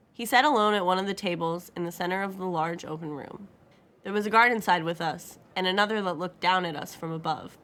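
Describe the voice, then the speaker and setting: A woman narrating a first-person crime story in a steady, matter-of-fact, wry way. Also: lowish voice.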